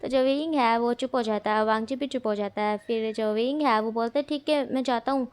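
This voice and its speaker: A woman's voice: on the high side, brisk, smooth. A woman narrating a fanfiction story in a casual, chatty way, reading the characters' lines herself. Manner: casual, chatty retelling with fillers and restarts. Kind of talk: storytelling narration with quoted dialogue.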